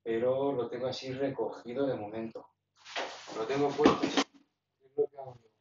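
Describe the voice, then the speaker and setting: A kayak fishing hobbyist stands in his garage with a roll-up door, walking through how he rigs his gear step by step in a casual, stop-start way as he handles it. His voice is mid-range and steady, at a moderate pace. He's recorded from a distance on a handheld phone camera, so the sound is echoey, dull, and noisy.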